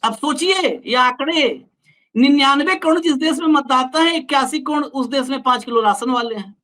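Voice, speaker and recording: A man hosts a political talk show with a bright, forceful voice. He asks pointed questions and presses accusations. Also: extremely high pitch, normal speed, low-quality recording. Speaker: show host. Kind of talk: political discussion.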